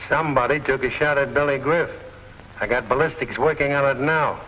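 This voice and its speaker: An actor playing a blunt, plainspoken police sergeant in a 1950s TV crime drama. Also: male voice, mid-range voice, fairly quick, pushed and bright, a little hiss or hum, lightly acted. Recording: dull lo-fi 1950s TV soundtrack.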